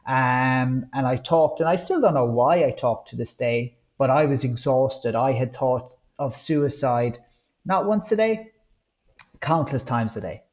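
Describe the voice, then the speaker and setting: A man with a Kerry accent from the west of Ireland, telling personal stories as a podcast guest, haltingly and with words repeated for emphasis. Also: mid-range voice, a little mellow, muffled recording. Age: 30s or older. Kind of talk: candid personal storytelling in conversation.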